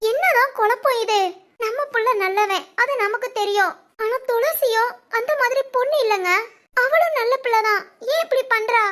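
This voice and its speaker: A woman plays a fretful middle-aged cartoon mother from a village, with a southern Tamil Nadu accent. Her voice is very high, and she keeps firing off anxious questions. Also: moderate pace, a bit bright.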